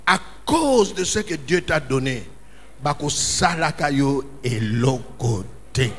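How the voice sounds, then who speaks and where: A man's voice: mid-range voice, expressive, slow, fairly bright tone, a little hiss or hum. A man preaching a sermon as pastor in a church hall, impassioned and calling out in emphatic bursts. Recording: reverberant hall with faint ambience.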